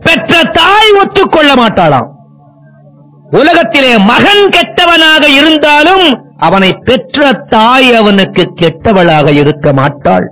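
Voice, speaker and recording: A man giving a devotional discourse, telling stories and acting out family quarrels, and chanting Sanskrit verse slowly. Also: extremely high pitch, sing-song, pushed and bright, rough recording. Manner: storytelling, acts out quarrelling family voices. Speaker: religious speaker. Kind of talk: devotional discourse with acted anecdotes.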